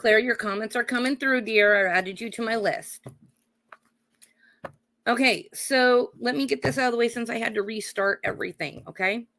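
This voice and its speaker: A woman with a cold, her voice going hoarse, giving live psychic card readings and calling her viewers honey and darling while checking in with "okay?". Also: a little high, normal speed, a bit bright. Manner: calls viewers honey and darling, adds "okay?" tag questions.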